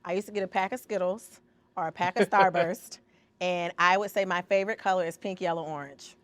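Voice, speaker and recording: Expressive woman telling her story. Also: lowish voice, fairly quick, no echo. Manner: expressive storyteller, animated quoted voices. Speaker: podcast guest, artist. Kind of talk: interview conversation.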